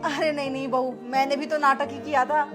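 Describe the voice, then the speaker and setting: A woman's voice: high voice, little pitch movement, a little fast, music in the background, natural voice. A woman playing a scheming middle-aged mother-in-law who talks in a pleading, whiny way. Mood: pleased.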